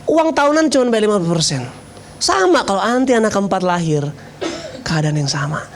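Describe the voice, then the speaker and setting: A male pastor preaching in a lively storytelling way, joking and poking fun at himself. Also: high voice, fairly quick, slight background noise. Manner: lively, joking, self-mocking. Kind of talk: storytelling sermon.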